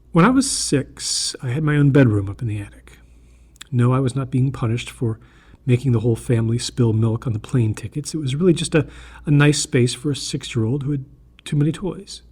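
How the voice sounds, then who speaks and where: A man reads a scripted first-person horror story deliberately and earnestly. His voice is medium-pitched, slightly husky, and dark in tone.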